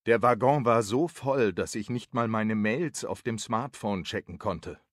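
A man's voice: fairly low pitch, unhurried, dry recording, studio quality. A man reading a coworker's lines in a scripted dialogue for a language lesson, explaining and apologetic. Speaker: office worker in a dialogue.

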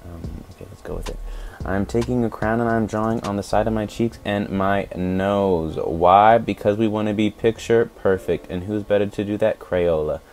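Low-voiced man doing a mock makeup tutorial. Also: normal speed, creaky, a little mellow. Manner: playful, repeats phrases for comic effect. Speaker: guest voice-over commentator. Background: background music.

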